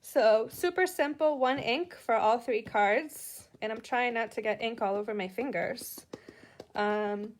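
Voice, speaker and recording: A woman's voice: on the high side, measured pace. A middle-aged woman with a Boston accent, chatting through a live card-making tutorial and greeting viewers as she works.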